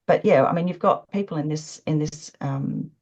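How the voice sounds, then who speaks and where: Aussie lady on a zoom, lowish voice, earnest, um-heavy, dull muffled audio. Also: normal speed, a little mellow. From Australia. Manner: earnest, with frequent fillers. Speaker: panel guest. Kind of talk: conversational commentary on a video call. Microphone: video call.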